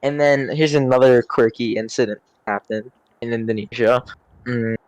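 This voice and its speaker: This young gaming-channel storyteller rambles through casual anecdotes, searching for words and swearing without restraint. His mid-range voice is a little mellow, with fairly even intonation and a moderate pace. The poor audio has no echo but carries clear vehicle-like background noise.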